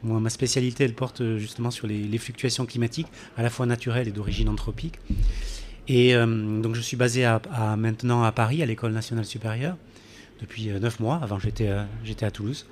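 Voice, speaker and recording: A man's voice: mid-range voice, steady tone, fast talker, a little mellow, slight background noise. A man giving a public science talk in a café event room, hesitant with many fillers and restarts, sometimes drifting off the microphone. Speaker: climate scientist speaker. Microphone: handheld mic, drifting off it.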